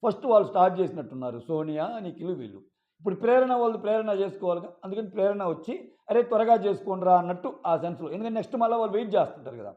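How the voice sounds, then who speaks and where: A man recapping a reality show episode in a casual, animated way, acting out quoted lines. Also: high-pitched, racing. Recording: dull lo-fi sound.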